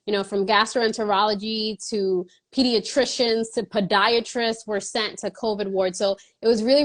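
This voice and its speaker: In a mid-range voice, a Dominican woman in her thirties gives lengthy, earnest answers as an interview guest, laughing softly between phrases.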